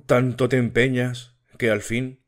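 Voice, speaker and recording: An evasive young suitor with a brusque, dismissive edge, played by a male audiobook reader. The voice stays close to the reader's own, unhurried and mid-pitched. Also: flat delivery, lightly acted. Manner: curt, dismissive. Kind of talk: audiobook character reading.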